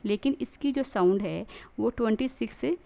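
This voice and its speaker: Teacher, woman, mellow gravelly voice, patient explainer who repeats points for students. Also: a little high, moderate pace. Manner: repetitive, explanatory, addresses students directly. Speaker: English teacher. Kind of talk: classroom-style video lesson.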